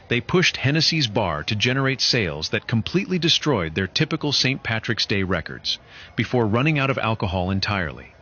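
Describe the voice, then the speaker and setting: Male narrator, lowish voice, swooping lively delivery, muffled hissy recording. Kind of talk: scripted narration.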